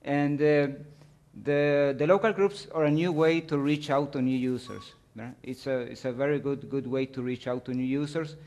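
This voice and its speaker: A man giving a technical presentation with slides, speaking in a halting way and often searching for words. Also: a little high, fairly even intonation, a little mellow. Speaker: conference presenter.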